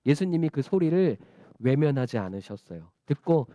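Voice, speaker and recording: Children's preacher, high lively voice, mellow tone, dry close sound. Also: male voice, moderate pace, dry recording. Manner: animated, asking the children questions. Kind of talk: storytelling sermon for children.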